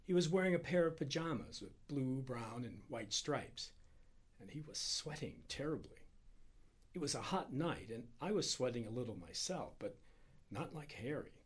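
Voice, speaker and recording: A man reading a story aloud with a dramatic, expressive delivery. His voice is husky and a little rough, and it rises and falls in pitch a lot. He lets the tension build as the tale goes on. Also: moderate pace. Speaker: reader. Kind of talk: scripted narration.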